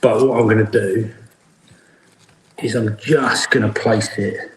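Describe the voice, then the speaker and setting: A man's voice: lowish voice, steady tone, slow, heavy reverb, slight background noise, low-quality recording. A man, a head chef, chatting his way through a live cooking demonstration as he plates up food in a kitchen. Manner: chatty, talks while plating food. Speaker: head chef hosting a cookalong.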